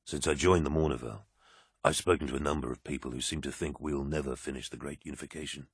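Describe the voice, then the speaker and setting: A man with a husky voice reading the part of a superhuman warrior captain, low, quiet and flatly certain. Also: fast talker, no room sound, clean studio sound, heavily acted. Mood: stoic. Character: towering superhuman warrior captain, calm and stoic.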